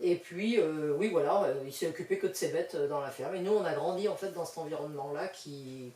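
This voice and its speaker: A woman's voice: low-pitched, fairly quick. Chatty older woman, roomy distant sound. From western France countryside. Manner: chatty, lots of fillers, warm laughing asides. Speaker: interview guest. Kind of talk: casual interview chat.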